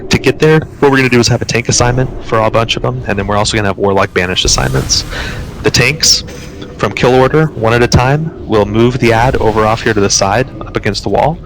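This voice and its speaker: A man leading an online game raid, explaining tactics and then calling quick commands. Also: mid-range voice, fairly bright tone, slight background noise, low-quality recording. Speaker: raid leader. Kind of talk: live game commentary.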